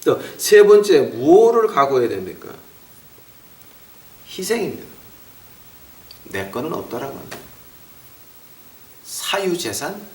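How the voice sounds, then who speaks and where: A middle-aged man preaching a sermon as a pastor. He talks in an animated way, acts out relatives scolding him and drops short English phrases into his talk. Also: fairly high pitch, slow pace, long pauses. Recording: roomy echo, mic far off.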